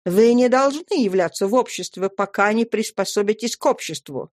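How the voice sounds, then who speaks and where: A woman's voice: mid-range voice, normal speed, dry recording, studio quality, close to an everyday voice. A woman voicing a haughty, reproachful society wife who nags her husband in a storybook reading. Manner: reproachful, sharp.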